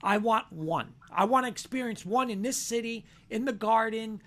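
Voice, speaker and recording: A man's voice: high-pitched, moderate pace, a bit bright. A man in his forties co-hosting a casual sports talk show, emphatic and repeating himself for emphasis. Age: 40s. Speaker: podcast co-host.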